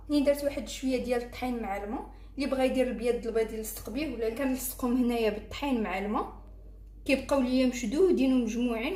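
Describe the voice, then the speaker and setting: A woman's voice: on the high side, darkish tone, roomy sound, a little hiss or hum. A woman with a Moroccan Arabic accent hosting a cooking tutorial, talking viewers through each fold as she works. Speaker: cooking channel host.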